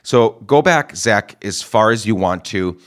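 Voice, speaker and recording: A man's voice: on the low side, animated, a little slow, a bit bright. A man hosting a podcast interview, introducing his guest and asking questions in an enthusiastic, affirming way. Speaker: podcast host.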